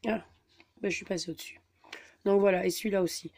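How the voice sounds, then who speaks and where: A woman's voice: medium pitch, fairly even intonation, quick pace, a little mellow, a little hiss or hum. A woman, talking casually through a scrapbooking haul, hesitant with many fillers. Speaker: scrapbooking vlogger.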